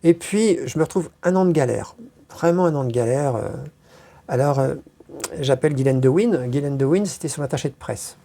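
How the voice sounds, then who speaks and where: A woman's voice: extremely low pitch, normal speed, dark tone, slight background noise. A woman being interviewed, telling stories in a rambling casual way, with many hesitations and crude slang. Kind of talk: casual storytelling.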